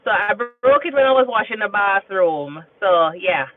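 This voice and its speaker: A Jamaican-accented woman, a nurse hosting a livestream, chats casually and reads viewer comments in a medium-pitched voice with lively intonation and a moderate pace. The recording has a tinny, phone-like sound. She's a storyteller who repeats phrases and frequently checks in with "you understand?".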